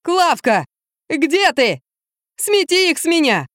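A woman reading an audiobook, voicing a delirious drunken middle-aged man who yells and wails. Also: medium pitch, animated, a little slow, dry recording, clean studio sound, natural voice. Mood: terrified. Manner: hoarse yelling and wailing.

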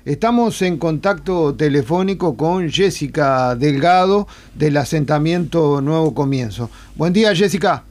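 A man's voice: on the high side, expressive, measured pace, few pauses, darkish tone. A man with a Uruguayan accent hosting a radio interview, informal and repeating words as he asks questions. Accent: Uruguayan Spanish. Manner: informal, stumbling on word repeats. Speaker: radio host.

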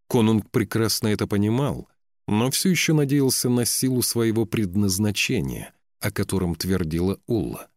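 A man narrates a fantasy novel in a very low, deep voice. His reading is measured and dramatic, and he lingers on key words. The sound is dry and close, with no room echo. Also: a little mellow. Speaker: audiobook narrator.

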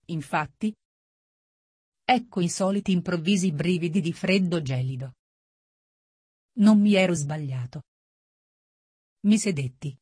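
Woman, audiobook narrator, slow measured reading, dry recording. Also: lowish voice, dark tone, husky, no room sound. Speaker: audiobook reader. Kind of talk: first-person narration reading.

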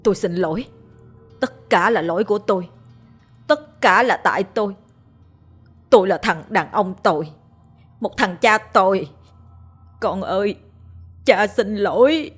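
A woman's voice: medium pitch, lively intonation, measured pace, pauses often, slightly rough. A woman voicing a grief-stricken man who wails and pleads for forgiveness, reading a ghost story with faint music behind. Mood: sobbing. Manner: wailing, pleading.

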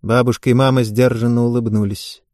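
A man narrating an audiobook in an expressive storytelling manner. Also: medium pitch, brisk, no room sound, studio quality.

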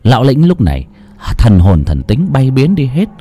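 A man narrating a ghost story in a dramatic, animated storytelling voice. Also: mid-range voice, moderate pace. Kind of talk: scripted horror narration. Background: faint background music.

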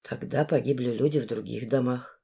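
Woman voicing a worried young man, low and hushed. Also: moderate pace, vocal fry, breathy edge. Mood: regretful.

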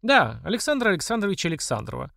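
Guy putting on a higher folksy older woman, motherly and peacemaking, dry close sound. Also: huge pitch swings, very fast, creaky, bright, forceful tone, no echo, heavily acted. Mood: soothing. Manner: plain-spoken, folksy.

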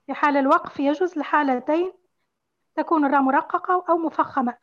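A woman student asks about a recitation rule, stopping often to search for her words. Her voice is high and quick. The call audio sounds dull and lo-fi. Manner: hesitant, many pauses and fillers. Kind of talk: asking questions in class.

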